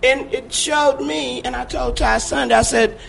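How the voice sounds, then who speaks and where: High, gravelly woman with a missing tooth. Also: normal speed, soft background music. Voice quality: gap-toothed speech from a missing front tooth. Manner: emphatic, folksy, animated storytelling. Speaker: church member giving testimony. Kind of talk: spontaneous personal testimony. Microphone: handheld or stage microphone.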